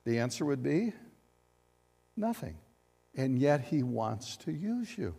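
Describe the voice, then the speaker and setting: A man preaching a sermon as pastor, animated and acting out quotes as he speaks. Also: mid-range voice, takes it slowly, gravelly, husky, in a large hall. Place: church sanctuary.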